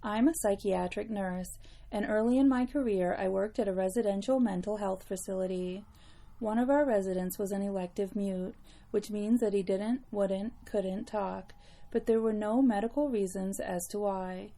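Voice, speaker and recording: A woman narrating a scripted spooky story as a horror host, in a measured, deliberate storytelling manner. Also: medium pitch, vocal fry, mellow.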